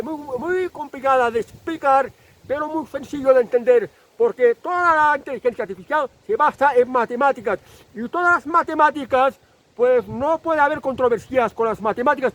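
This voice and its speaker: A man from delivers a long political opinion monologue as a channel host. His voice sits very high for a man. He hammers his points through repetition and fills his pauses with small hesitations. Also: fairly bright tone, rough recording. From Spain. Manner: insistent, repetitive, pauses with fillers.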